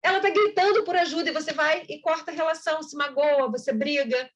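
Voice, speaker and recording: High-voiced woman giving a lecture. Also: steady tone, brisk, lo-fi sound. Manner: conversational, laughs at herself, acts out dialogues. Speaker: Spiritist lecturer. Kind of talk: spoken lecture.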